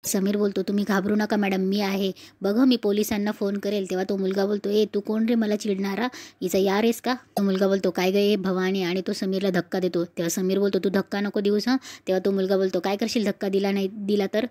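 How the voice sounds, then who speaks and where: A woman casually retells a TV serial episode, quoting every character's lines in her own voice. Her delivery stays flat and even, with little rise and fall. The recording is dry and close, with no room sound. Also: mid-range voice, quick pace, no room sound. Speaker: storyteller recapping a serial episode. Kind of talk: casual spoken recap with quoted dialogue.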